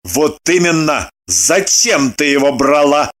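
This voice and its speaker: Someone doing a slow, irritable fussy husband. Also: male voice, medium pitch, no echo, natural voice. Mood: irritated. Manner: sharp, clipped retorts through gritted teeth. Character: fastidious, irritable middle-aged husband, squeamish about dirt. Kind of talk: storybook reading.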